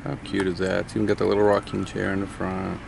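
Gravelly dad vlogging from the car. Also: male voice, sits low, completely flat delivery, fast talker. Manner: joking, chatty, narrating to camera. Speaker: family vlogger, father. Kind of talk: casual road-trip vlog. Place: inside a moving car. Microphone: camera held at arm's length. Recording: road noise behind.

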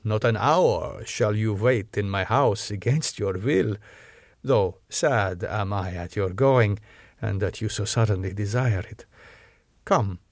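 A man reading the part of a suave, menacing old male vampire count, speaking slowly with soft, courteous menace. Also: lowish voice, dry recording. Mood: courtly.

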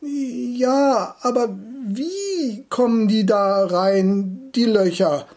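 A man's voice: extremely high pitch, extremely slow, darkish tone, exaggerated voice. A man voicing a curious, stubborn little boy who keeps pleading with his parents. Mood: whiny insistent. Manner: pleading, insistent questions.

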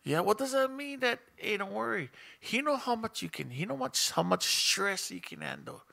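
Seated at a stand mic in a small church room, this middle-aged pastor speaks English tinged with Hawaiian Pidgin, preaching in a conversational way and putting questions to the congregation. His high voice has lively intonation, vocal fry and a bright, forceful tone, at a normal speed.

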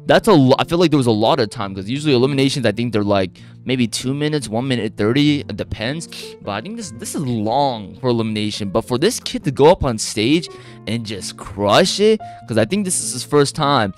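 An excitable man talks through a beatbox performance in loose, casual reaction commentary. His voice sits at an ordinary middle pitch. He gushes, rambles and trips over fillers, with faint music playing underneath. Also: fairly quick.

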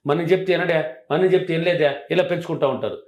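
Fast-talking, emphatic man giving advice. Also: fairly high pitch. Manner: animated, emphatic, repetitive. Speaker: relationship coach. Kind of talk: advice talk. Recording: roomy echo.

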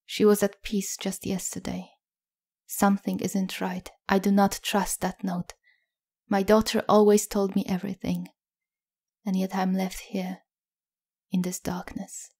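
A woman voicing a grieving middle-aged mother who speaks quietly, her voice cracking as she stumbles over her words. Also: mid-range voice, little pitch movement, unhurried, breathy edge.

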